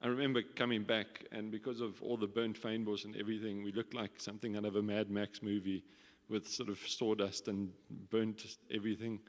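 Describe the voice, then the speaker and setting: Man in his thirties, reflective memorial storyteller, flat low voice, hall reverb. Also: a little fast, few pauses. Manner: reflective storytelling, some restarts. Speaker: nephew giving memorial tribute. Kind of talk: memorial speech.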